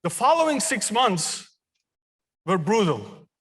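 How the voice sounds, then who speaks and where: Earnest professor from Turkey, fifties, man with a fairly high voice, speaking at a commencement in a big theater. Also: sing-song, a bit bright, husky. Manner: earnest, personal storytelling with pauses. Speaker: engineering professor giving a commencement speech. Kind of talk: commencement speech. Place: large theater. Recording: long reverb of a large hall.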